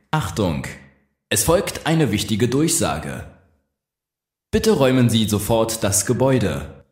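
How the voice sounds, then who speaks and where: A man giving a formal, measured evacuation announcement, played over a building loudspeaker. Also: fairly low pitch. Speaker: public announcer. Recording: echoey loudspeaker playback.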